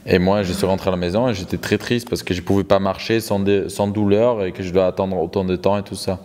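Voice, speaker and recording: A man with a low, fairly even, slightly mellow voice talks fast as he interprets a testimony on the spot. He hesitates, repeating and reformulating words, and the recording has a long hall reverb.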